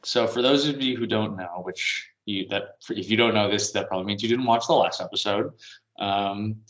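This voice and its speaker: Low-voiced rambling man in a roomy room. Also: normal speed, fairly bright tone, muffled recording. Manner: rambling, meandering, chuckling. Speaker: podcast co-host. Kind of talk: casual podcast chat. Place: home. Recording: roomy echo.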